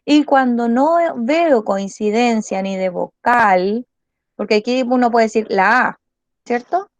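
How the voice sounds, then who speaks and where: A woman's voice: fairly high pitch, takes it slowly, dry recording. A woman teacher with a Chilean accent, explaining a school lesson patiently and checking often whether the class follows.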